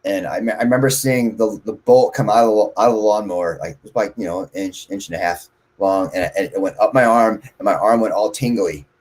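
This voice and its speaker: A man, a guest musician, answering interview questions casually and telling long, animated stories. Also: fairly low pitch, brisk, few pauses. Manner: rambling, animated storyteller.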